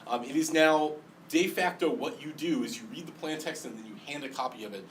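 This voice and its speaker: A man with a slight lisp gives an explanatory classroom lecture, often pausing with ums and restarting sentences. He sounds set back from the microphone, and a faint background hiss stays under his voice. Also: medium pitch. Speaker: debate lecturer. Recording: distant mic, faint background noise.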